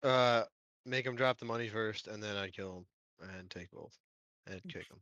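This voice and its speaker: A man's voice: on the low side, moderate pace, fairly bright tone, dry recording. A man playing with friends on a stream, chatting casually and making dry, joking asides. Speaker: gaming teammate. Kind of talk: casual gaming chat.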